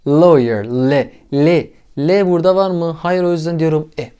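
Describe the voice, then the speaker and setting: A man's voice: on the high side, normal speed, warm tone, clear, resonant tone. A man teaching an English lesson in a casual, explanatory way, repeating sounds aloud for drill and asking viewers questions before praising them.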